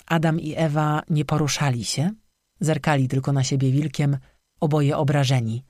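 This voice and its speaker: An audiobook narrator reading a scripted horror story in an even, steady manner. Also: medium pitch, normal speed, dry recording, studio quality.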